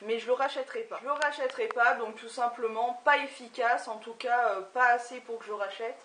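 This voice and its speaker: A woman's voice: a little high, fairly quick, a bit bright, distant mic. A young woman reviewing beauty products in a casual vlog, talking hesitantly with lots of filler sounds. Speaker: beauty vlogger. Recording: echoey room, voice off-mic.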